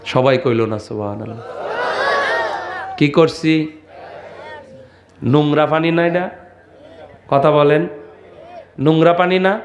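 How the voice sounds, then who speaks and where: A man's voice: takes it slowly, pauses often, reverberant, highs cut off, noisy background. Bangladeshi man preaching a sing-song sermon. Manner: sing-song storytelling with frequent leaps to high shouted pitch, calling on the crowd.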